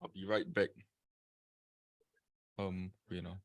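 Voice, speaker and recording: A man's voice: low voice, flat delivery, slow pace, dry recording, studio quality. A man from Singapore presenting a live trading webinar, chatting and greeting viewers by name over a computer mic.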